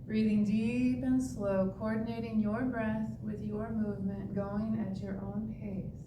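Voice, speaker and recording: A woman tai chi instructor giving serene, meditative movement and breathing cues with long pauses. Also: level tone. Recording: echoey, distant mic with clear rumbling noise.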